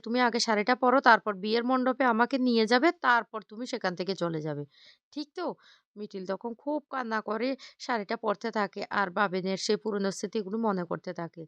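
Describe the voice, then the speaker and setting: A woman casually retelling episodes of a television serial, voicing the characters' lines in her own voice, with frequent pauses and restarts. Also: mid-range voice, clear, resonant tone, no room sound, highs cut off. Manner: hesitant, with frequent fillers and restarts. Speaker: vlogger recapping a TV serial. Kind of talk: casual storytelling recap.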